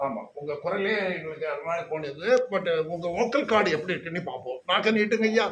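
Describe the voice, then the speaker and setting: A man's voice: fairly high pitch, quick pace, crowd noise. A man working as a voice doctor talks through a consultation in a friendly, reassuring, chatty way. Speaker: doctor treating voice problems. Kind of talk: clinic consultation and chat.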